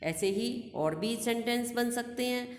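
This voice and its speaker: A woman's voice: fairly high pitch, measured pace. A woman teacher giving a recorded grammar lesson, patiently explaining each example twice. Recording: echoey room with long reverb.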